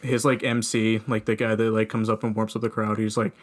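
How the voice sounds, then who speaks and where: A man's voice: lowish voice, flat delivery, brisk. A young man co-hosting a comedy podcast, telling a long story in casual chat with many restarts. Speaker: podcast co-host.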